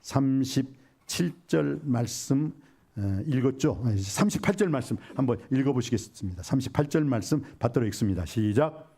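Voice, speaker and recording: A middle-aged man preaching from the pulpit in a husky voice. His pitch climbs and drops widely as he acts out scenes. He swings from loud cries to near whispers and keeps quizzing the congregation. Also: normal speed. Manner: animated, acts out Bible scenes with sudden loud and hushed lines; asks the congregation questions and has them repeat after him. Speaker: senior pastor. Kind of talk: sermon.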